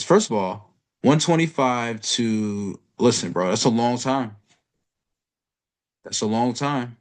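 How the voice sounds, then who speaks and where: Blunt, profane man teaching trading. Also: medium pitch. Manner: blunt, profane, streetwise slang, addresses viewer as bro. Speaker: trading educator. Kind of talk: casual screen-share trading lesson.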